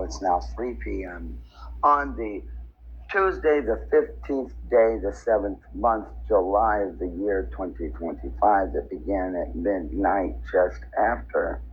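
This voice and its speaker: A man speaking into a tablet voice-recorder app like a dictaphone, rambling and repetitive, fixated on dates, times and counting seconds, halting with fillers. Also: deep voice. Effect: dictaphone-style voice memo recorded on a tablet app. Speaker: man making a personal voice memo. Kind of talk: rambling self-recorded monologue. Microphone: built-in tablet microphone. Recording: dull lo-fi tablet voice-recorder audio, faint hiss.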